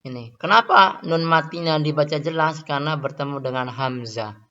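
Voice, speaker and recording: Bright-voiced male tajwid teacher, lo-fi. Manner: explains calmly, then chants Arabic examples slowly, louder and higher. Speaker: Quran recitation teacher. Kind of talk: tajwid lesson with recited examples.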